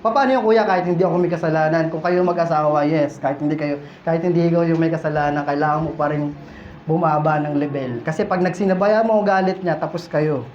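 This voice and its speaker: A man's voice: fairly high pitch, quick pace. A man preaching a sermon in a conversational, playful way, often putting questions to the congregation. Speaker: pastor. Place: church hall. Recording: echoey church hall, dull sound, faint room noise.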